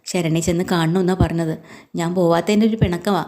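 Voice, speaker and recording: A woman voicing a gentle young woman who works as a household maid, speaking earnestly and pleadingly in a mellow voice. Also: lowish voice, fairly even intonation, brisk, lightly acted.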